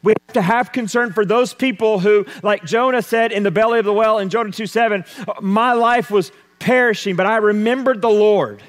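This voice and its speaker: A man preaching a sermon, swinging between loud emphasis and hushed intensity. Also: sits high, a little fast, hardly any pauses. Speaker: pastor. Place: church sanctuary. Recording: long church reverb.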